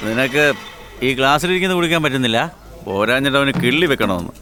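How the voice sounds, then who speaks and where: A man's voice: mid-range voice, expressive, quick pace, natural voice. An actor dubbing a tipsy young man who can see ghosts, talking in a slurred, rambling way. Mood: teasing. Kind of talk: film dub dialogue. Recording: film soundtrack with loud background music.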